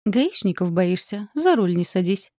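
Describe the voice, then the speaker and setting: A woman voicing a young ghost girl with a slightly husky, insolent voice. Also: mid-range voice, big pitch swings, measured pace, warm tone, no echo, clean studio sound.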